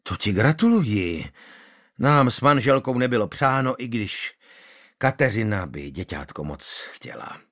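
A man voicing a level-headed, curious deputy mayor who calmly asks questions. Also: fairly low pitch, no echo, studio quality, full character voice. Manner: calm, reasonable, questioning. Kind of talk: audiobook character voice.

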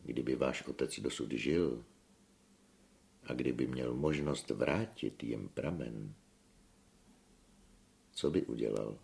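Man voicing an earnest young man, measured, persuasive, very deep, gravelly, audiobook. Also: animated, darkish tone.

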